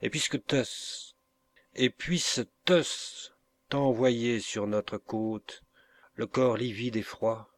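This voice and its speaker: A man reading an audiobook, voicing a vengeful old woman who curses a young pirate in a slow, drawn-out, menacing way. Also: on the low side, steady tone. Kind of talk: audiobook character voice.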